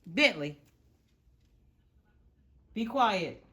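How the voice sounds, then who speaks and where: In her home kitchen with dogs nearby, a middle-aged woman hosts a casual cooking video, firmly telling the dogs to stop barking before plainly explaining each step. Her mid-range voice has lively intonation and a sharp tone, and she speaks very slowly. There is a little hiss or hum.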